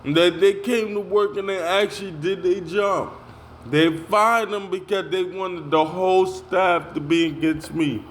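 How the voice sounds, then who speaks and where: A man's voice: high voice, steady tone, unhurried, slight background noise. A young man telling a heated story about being pushed out of a job, in a casual rant full of slang and repeated "yo". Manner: heated, repetitive, street slang, says "yo" a lot.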